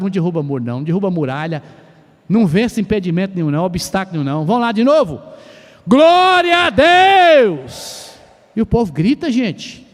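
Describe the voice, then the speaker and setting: A man from Brazil, preaching a sermon as pastor, asking rhetorical questions and rising to loud shouted exclamations. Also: sits high. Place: church sanctuary. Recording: long church hall reverb.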